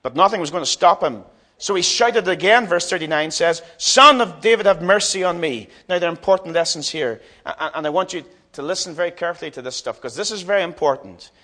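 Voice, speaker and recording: Male preacher, high voice, dramatic and emphatic, keeps repeating lines to hammer them home. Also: fast talker, a bit bright. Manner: addresses listeners directly. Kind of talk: sermon.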